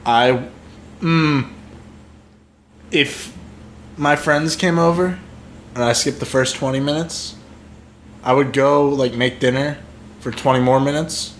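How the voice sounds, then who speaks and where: A man's voice: medium pitch, steady tone, takes it slowly, long pauses, a little hiss or hum. Blunt young man on a podcast. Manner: blunt, dry, swears. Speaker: podcast co-host. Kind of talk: casual film review chat.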